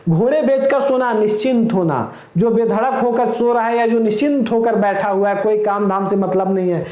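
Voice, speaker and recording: High-voiced man teaching in an echoey room. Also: moderate pace, dark tone. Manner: explains each idiom with everyday example sentences; addresses viewers as friends. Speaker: exam prep teacher. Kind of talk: recorded lecture.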